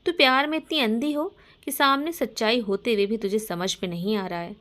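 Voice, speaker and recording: A woman's voice: a little high, brisk, fairly bright tone, lightly acted. A woman voicing a loyal young woman who earnestly defends herself to her friend. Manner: pleading, earnest.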